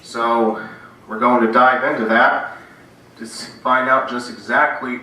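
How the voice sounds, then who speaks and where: A man with a cough gives a relaxed Bible lecture, his bright voice reaching the mic from across a very echoey room. He talks plainly to a small audience and shifts into reading scripture aloud. The recording has faint noise behind it. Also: mid-range voice, unhurried. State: bad cough, rough voice. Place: indoor meeting room. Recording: roomy, from a distance, noisy.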